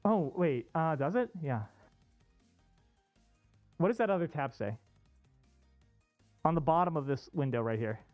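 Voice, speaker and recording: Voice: mid-range voice, expressive, unhurried, long pauses, no room sound, soft background music. Muffled, chatty streamer speaking from inside a costume head. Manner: informal, chatty, rambling. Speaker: livestream host. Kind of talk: casual chat. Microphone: off-costume streaming microphone.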